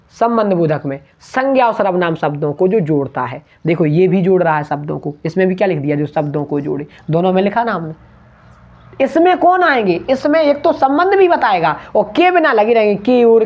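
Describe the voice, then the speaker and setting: A male teacher giving an exam-prep grammar lesson, calling listeners "beta", asking questions and answering them himself, drawing out lists of words slowly. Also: sits high. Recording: dull lo-fi recording.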